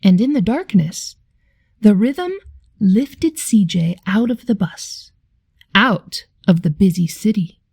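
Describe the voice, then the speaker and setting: A woman reads a picture book aloud to children in a teacher's style. Her delivery is unhurried and very animated, with a medium pitch and a dry sound. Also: husky, no room sound. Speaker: teacher reading stories to children. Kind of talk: expressive children's storybook read-aloud.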